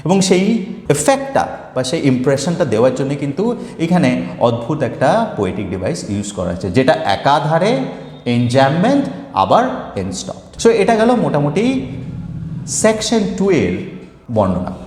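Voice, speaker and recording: A man's voice: on the high side, sing-song, darkish tone. A man teaching English poetry, explaining a poem line by line and mixing English terms into his talk. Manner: reads poem lines slowly and deliberately. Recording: echoey room with long reverb.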